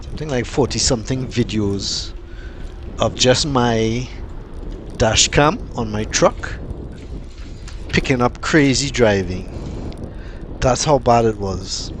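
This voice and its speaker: A man from Trinidad, giving casual, unhurried vlog commentary with plenty of fillers and pauses. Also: medium pitch, a little hiss or hum. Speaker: cycling vlogger.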